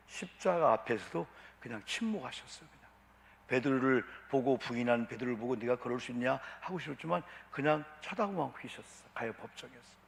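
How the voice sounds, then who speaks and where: A man's voice: on the high side, creaky. A man preaching a sermon as pastor, asking rhetorical questions with emphatic delivery. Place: church sanctuary. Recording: long church reverb.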